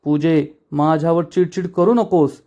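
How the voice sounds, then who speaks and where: A man's voice: fairly high pitch, steady tone, a little slow, mellow, highs cut off, close to an everyday voice. A man voicing a hot-tempered, scornful young husband from a TV serial, snapping in irritation. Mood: irritated.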